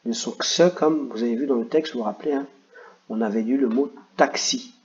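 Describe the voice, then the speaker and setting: A man's voice: medium pitch, fairly quick, darkish tone, highs cut off. A man teaching young children, patiently walking them through worksheet exercises and speaking to them directly. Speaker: primary school teacher.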